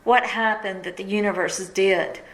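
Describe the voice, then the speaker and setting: Middle-aged woman tearing up, telling her story to listeners, voice at a normal pitch. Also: fairly even intonation, normal speed, a bit bright, rough recording. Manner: emotional, tearful storytelling. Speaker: radio host and speaker. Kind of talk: personal testimony to listeners.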